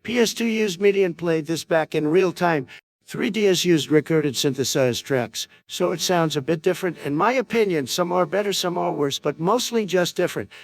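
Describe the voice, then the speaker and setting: A man's voice: a little high, normal speed. A man reading scripted comparison narration for a video game video.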